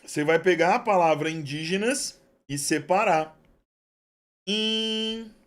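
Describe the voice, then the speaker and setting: Young male teacher, slightly high voice, chatty exam-prep style, stretches key terms. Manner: chatty and affectionate, drawn-out stresses on key terms. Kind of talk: online exam-prep lesson.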